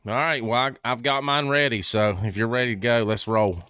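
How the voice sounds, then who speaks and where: A man's voice: medium pitch, fairly even intonation, a little fast, sharp tone, clean tone, dry recording, studio quality. A man hosting a casual podcast, keeping things easygoing with short, friendly prompts. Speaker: podcast host.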